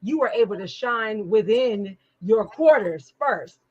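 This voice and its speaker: A woman's voice: a little high, expressive, a little slow, lo-fi sound. A woman hosting an interview, asking long, encouraging questions that she rephrases as she goes. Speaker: talk show host. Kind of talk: interview conversation.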